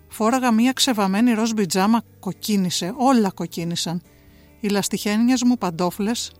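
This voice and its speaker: A woman giving a measured, dramatic literary reading on the radio. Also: medium pitch. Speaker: reader. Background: soft music.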